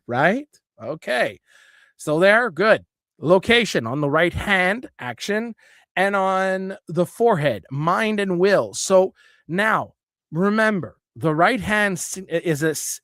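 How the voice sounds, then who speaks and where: A man hosts his own talk show and speaks in an earnest monologue. He rambles and often restarts his sentences. His voice sits fairly high, and the recording is close and dry. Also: a bit bright, dry recording. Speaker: show host. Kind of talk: spoken monologue.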